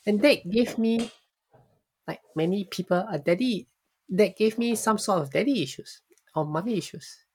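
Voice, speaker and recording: A woman's voice: mid-range voice, lively intonation, moderate pace, darkish tone, husky. A young adult woman from Singapore, telling her story openly and reflectively as a podcast guest. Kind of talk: podcast interview.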